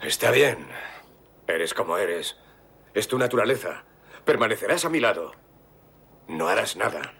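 Brief: an ageing crime boss in a dubbed film, raspy and low, giving orders. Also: male voice, animated, measured pace, pauses often, a bit bright, exaggerated voice. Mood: stern. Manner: stern, lecturing, gives orders. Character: older male mob boss, stern and weary.

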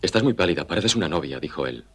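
An actor playing a tender young man who teases his lover by making up a romance story, in a deep, husky voice. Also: expressive, fast, exaggerated voice. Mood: playful. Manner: playful, mock-narrating. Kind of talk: film dialogue.

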